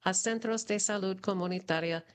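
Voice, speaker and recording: A woman reading news items in Spanish-language community news, in an even, measured delivery of prepared copy. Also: medium pitch. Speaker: news reader. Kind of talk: read news report.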